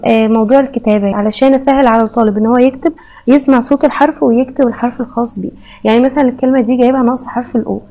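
A woman teacher with an Egyptian Arabic accent, patiently going through a children's English textbook and repeating each word slowly. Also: fairly high pitch, warm tone, rough recording.

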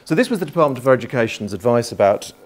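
A man's voice: mid-range voice, lively intonation, rapid-fire. A middle-aged man from Liverpool giving a conference talk to geography teachers in a lecture theatre, thinking aloud with frequent restarts. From Liverpool, England.

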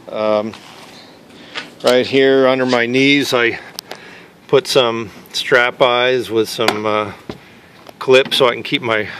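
A man's voice: mid-range voice, a little hiss or hum. Plain-spoken man showing off his kayak. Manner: relaxed, plain-spoken, with frequent "uh" pauses. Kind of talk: casual show-and-tell walkthrough. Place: outdoors on a paved driveway.

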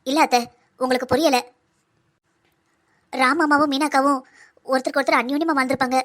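A woman's voice: high voice, steady tone, a little fast. A young woman voicing a patient, hurt pregnant wife in a cartoon drama, speaking earnestly. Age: young adult. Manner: soft, earnest pleading.

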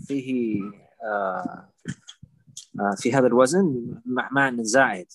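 A patient male teacher walks his students through Arabic word forms, repeating each one slowly and checking that they follow. His voice sits at an ordinary middle pitch. The sound is dry and close, with no room echo. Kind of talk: live online lesson with students.

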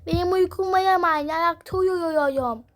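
A whiny, sleepy little girl, always sighing and complaining, as a woman puts her on. The voice sits high and pinched, dragging out her groans in a game role-play. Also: moderate pace. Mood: tearful.

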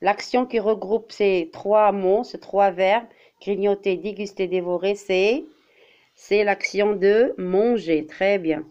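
A woman primary school teacher giving a vocabulary lesson, speaking deliberately, repeating words and acting out examples. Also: mid-range voice, a little mellow, muffled recording.

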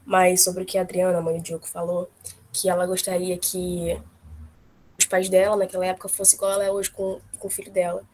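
A young woman with a cold telling a casual personal story, blunt and lively, with many fillers. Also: fairly low pitch, fairly quick, slight background noise. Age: young adult. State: has a cold. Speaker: workshop participant.

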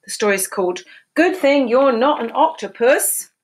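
Speaking at a normal speed in a high, expressive voice, a woman in her sixties reads a picture book to young kids, lilting like a storyteller and quizzing them as she goes. The recording comes from a webcam on her desk in a small room at home.

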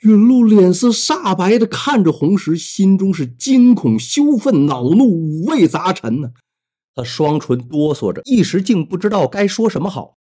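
A man narrating a novel retelling in a dramatic, expressive way. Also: high-pitched, moderate pace, breathy edge. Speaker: storyteller.

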